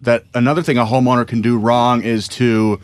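A man's voice: medium pitch, level tone, fairly quick, smooth, no echo. Laughing self-mocking male co-host. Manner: self-deprecating, laughs often. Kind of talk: casual chat.

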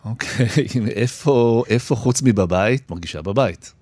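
A man interviewing a guest in a radio studio, asking short, relaxed questions. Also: medium pitch, no echo. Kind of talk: casual interview chat.

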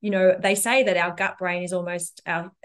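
A woman's voice: on the low side, little pitch movement, moderate pace. Effusive woman podcast co-host. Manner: warm, effusive, reflective. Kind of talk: casual podcast interview.

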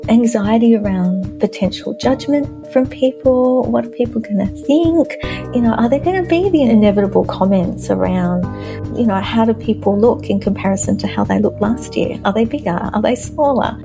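A woman's voice: on the high side, moderate pace, music in the background. A woman speaking as a clinical expert, explaining things in an interview.

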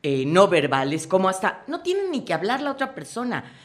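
A woman with a Mexican accent, a guest commentator on a radio show, talking in a lively way and acting out short quoted scenes. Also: mid-range voice, fairly quick. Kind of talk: lively on-air talk.

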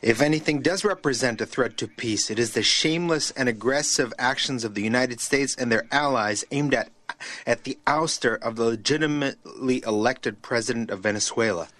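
A man's live interpreter voice relays a formal statement in a steady, measured way. His pitch sits in an ordinary middle range, and he sometimes restarts a word as he keeps pace with the speaker. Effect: live interpreter voice, relaying a speech. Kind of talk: simultaneous interpretation of a news clip.

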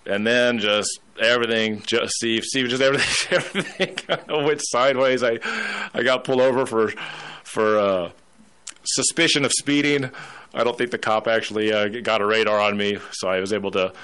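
A man's voice: mid-range voice, normal speed, bright, forceful tone, clean tone. A man hosting a radio talk show, telling stories in a casual, rambling way with many restarts. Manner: rambling, storytelling with put-on voices.

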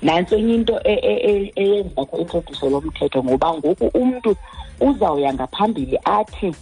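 Woman, South African Xhosa accent, low-set voice, radio interview guest, explanatory, mixes in English phrases. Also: lively intonation, brisk, mellow, breathy edge, soft background music. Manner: code-switches into English phrases. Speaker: consumer credit ombud representative.

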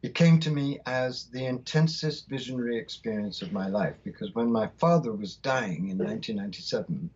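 A man's voice: medium pitch, a little fast, few pauses, a little mellow, slightly rough, lo-fi sound. A man in his sixties from South India, telling a spiritual vision with fervent, rhythmic phrasing as an interview guest. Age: 60s. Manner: fervent, rhythmic, lingering on lists of words. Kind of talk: impassioned spiritual storytelling.

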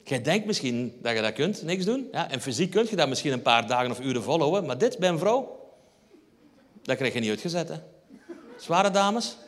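Flemish man, stand-up comedian, wry storyteller, fairly high voice, long hall reverb. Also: big pitch swings, moderate pace. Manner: wry, storytelling, addresses the audience. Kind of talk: stand-up routine. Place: theatre hall on stage.

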